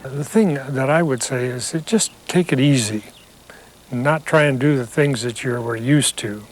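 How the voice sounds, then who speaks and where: A man, a heart surgery patient, recalling his recovery in a plain-spoken, unhurried way, heard from an old VHS tape transfer. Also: mid-range voice, slight background noise, poor audio. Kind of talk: recalling his own recovery in a casual interview clip.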